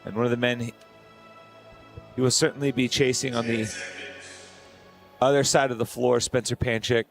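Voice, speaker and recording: Mid-pitched male sports analyst. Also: flat delivery, normal speed, faint music behind.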